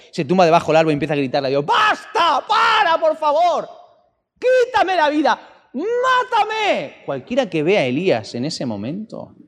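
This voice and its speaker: A man preaching a sermon, animated and full of rhetorical questions to his listeners. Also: a little high. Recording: long church-hall reverb.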